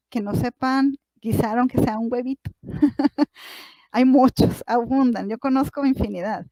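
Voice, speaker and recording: A woman's voice: on the high side, dark tone, no echo. A woman, a psychologist giving a workshop talk to parents, speaking directly to them with many rhetorical questions.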